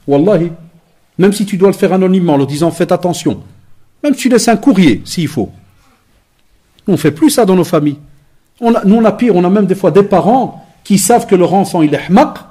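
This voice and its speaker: Husky-voiced man giving a lively lecture. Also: sits high. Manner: lively storytelling, acts out dialogues, mixes in Arabic phrases. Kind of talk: conference talk to young people.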